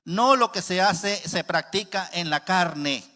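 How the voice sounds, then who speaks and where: A man's voice: high-pitched, expressive, slow pace, sharp tone. A man preaching a sermon, emphatic and putting rhetorical questions to his listeners. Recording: long hall reverb.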